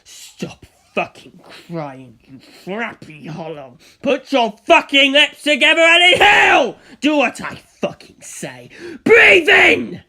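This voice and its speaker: A man voicing a cruel, domineering male vampire villain in an audiobook, raging with snarling contempt and shouted abuse. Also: very high-pitched, very animated, slow, voice pushed up, heavily acted. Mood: desperate fury. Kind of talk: audiobook character acting.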